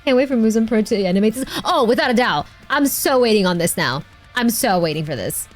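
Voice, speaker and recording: A woman streaming a game playthrough in a cute, excitable anime-streamer manner, reading the story aloud and chatting with viewers. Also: a little high, brisk, soft background music. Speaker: VTuber streamer and voice actor.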